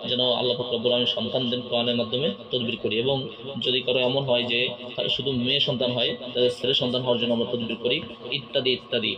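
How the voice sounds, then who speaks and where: A man's voice: mid-range voice, level tone, very fast, muffled recording. A man working as an exorcist faith healer, speaking in an insistent, confrontational and preaching way. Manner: confrontational, insistent repeated questioning. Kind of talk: loud ritual interrogation and preaching.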